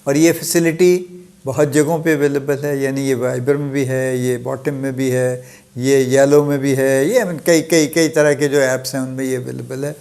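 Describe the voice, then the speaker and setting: A middle-aged man hosting a solo talk, speaking in a relaxed, conversational lecture style and dropping in English phrases. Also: medium pitch, creaky. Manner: conversational, mixes English phrases, soft chuckles, restarts. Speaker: host giving a solo talk.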